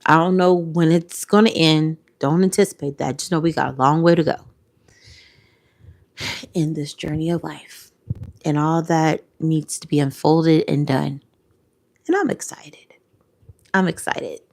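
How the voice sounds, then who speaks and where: A woman's voice: sits low, steady tone, measured pace, vocal fry, a little mellow. A tearful woman, talking in a heartfelt vlog, repeating phrases and sometimes dropping to a whisper. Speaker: content creator. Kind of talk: emotional reflective vlog.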